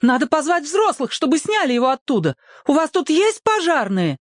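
A shrill, panicked mother. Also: sing-song, moderate pace, no echo, clean studio sound. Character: frightened strict mother, shrill and scolding.

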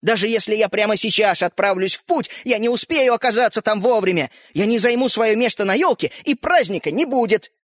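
A touchy little fairy-tale hero who lectures and sulks, as a male reader puts him on. He talks high and bouncy, full of swings in pitch. The reading is dry and close. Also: lively intonation, a bit bright, no echo. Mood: urgent. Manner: huffy, lecturing, quick to take offence. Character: touchy boastful tiny fairy-tale man.

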